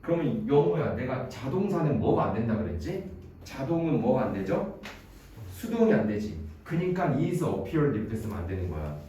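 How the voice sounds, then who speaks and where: Animated male teacher in an echoey classroom. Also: medium pitch, normal speed. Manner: animated, quizzes students by name, playful mnemonics. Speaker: English teacher. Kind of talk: exam-prep grammar lecture. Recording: very echoey room, voice from a distance, faint noise.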